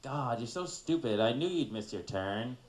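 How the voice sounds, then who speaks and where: A man's voice: medium pitch, expressive, normal speed, voice pushed up, natural voice. A man doing a snippy, airheaded navigation voice. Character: dim, snippy young woman navigation-device voice.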